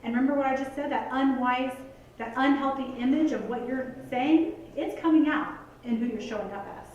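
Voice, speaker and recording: A woman's voice: high voice, brisk, a little mellow, highs cut off, slight background noise. A woman giving a motivational talk to a live audience, earnest and conversational, full of "like" and "you guys". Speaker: motivational speaker. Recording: echoey hall picked up from a distance.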